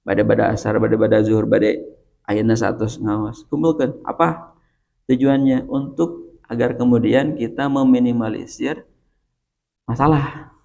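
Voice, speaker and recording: Man, Sundanese accent, preacher, gravelly, mellow tone, chatty and laughing. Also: mid-range voice, unhurried, long pauses. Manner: chatty, laughs often, addresses listeners directly. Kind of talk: religious study talk.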